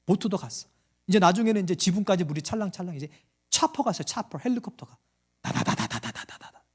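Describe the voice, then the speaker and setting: This male pastor has a high, animated voice that moves fast and sounds slightly rough. While delivering his sermon, he poses questions to the congregation and performs the voices of characters in his stories.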